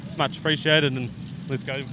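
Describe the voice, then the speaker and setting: A man's voice: medium pitch, flat delivery, moderate pace, background noise. A man, a debutant driver giving modest, plain-spoken answers in a casual interview.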